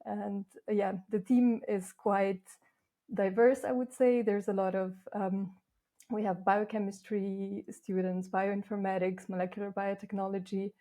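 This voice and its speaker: A young woman from Slovenia, a master's student and guest, explaining things calmly on a video call. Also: mid-range voice, unhurried. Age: young adult. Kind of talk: casual interview on a video call. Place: bright room with a window indoors.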